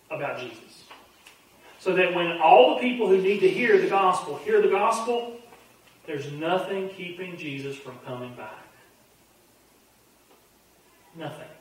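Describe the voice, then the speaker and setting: A man teaching a Bible class as pastor, talking quickly and casually and often doubling back on his words. His voice sits a little high and sounds distant from the microphone. A strong echo fills the big room around him. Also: a little hiss or hum. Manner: fast-talking, conversational, repeats his starts. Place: church sanctuary. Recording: very echoey room, voice from far off.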